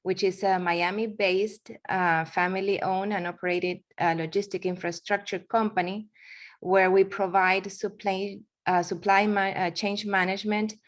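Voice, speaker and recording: A woman in her forties from Argentina, whose first language is Spanish, gives a webinar presentation as a guest speaker in English with an Argentine accent. Her medium-pitched voice is flat and a little slow, and she uses frequent fillers and restarts.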